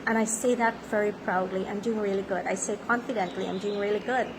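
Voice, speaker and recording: A woman's voice: medium pitch, steady tone, quick pace, noisy background. A woman in her thirties, a life coach, speaking in a confident, self-affirming motivational monologue. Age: 30s.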